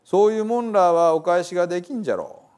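A man with a Hiroshima dialect voicing Jesus as a calm male teacher telling parables. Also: high voice, fast talker, clean tone, pitched above the performer's own voice, close to an everyday voice. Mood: advising.

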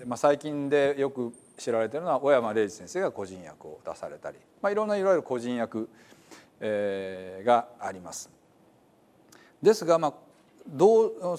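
Male pastor, conversational sermon delivery, lively pitch, plenty of fillers. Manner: conversational, explanatory, many fillers. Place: church.

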